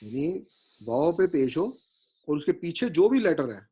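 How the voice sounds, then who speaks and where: A man teaching a grammar lesson, patient and explanatory, slowly spelling out vowel marks and often checking that his students follow, with English words mixed in. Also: a little high, sing-song, warm tone, breathy edge. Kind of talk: grammar lecture.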